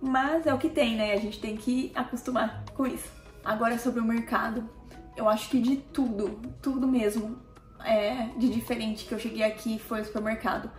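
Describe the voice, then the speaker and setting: A woman's voice: fairly high pitch, fairly even intonation, normal speed. A woman from Brazil with a Brazilian Portuguese accent, chatting casually to her viewers as a family vlogger and often checking in with them through little tag questions. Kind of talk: casual talk to camera. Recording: roomy echo with faint music.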